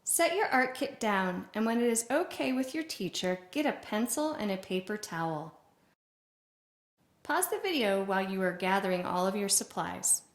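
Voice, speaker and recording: A woman teaching an art lesson to young children on video, playful and clear with sing-song greetings. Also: mid-range voice, animated, moderate pace.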